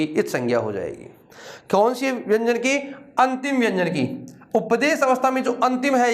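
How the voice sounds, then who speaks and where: A man teaching a grammar lesson who keeps asking questions and answering them himself, repeating key terms with emphasis. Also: high voice. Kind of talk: classroom lecture.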